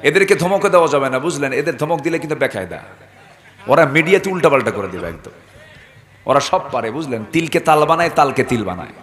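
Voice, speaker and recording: A man's voice: a little high, lively intonation, quick pace, a bit bright. A man preaching a fiery sermon to a crowd, demanding call-and-response and dropping into joking asides. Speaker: preacher at a waz gathering.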